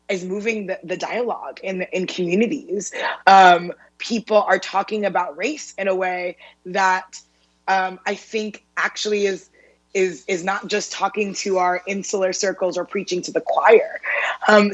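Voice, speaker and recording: A woman with a strained, sore-throated voice, answering earnestly and haltingly in a conversational panel discussion. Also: fairly low pitch. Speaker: guest, national organizing director and activist. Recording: dull lo-fi call audio.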